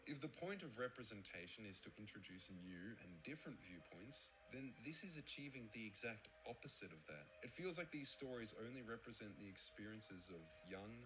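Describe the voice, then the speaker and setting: A man's voice: on the low side, expressive, brisk, few pauses, over music, rough recording. A man narrating a scripted critique in a sarcastic, critical way. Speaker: video essayist.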